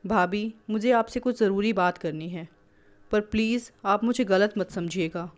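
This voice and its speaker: A woman's voice: mid-range voice, moderate pace, lightly acted. A woman voicing an anxious young sister-in-law. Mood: pleading. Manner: pleading, hushed. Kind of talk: storybook character voice.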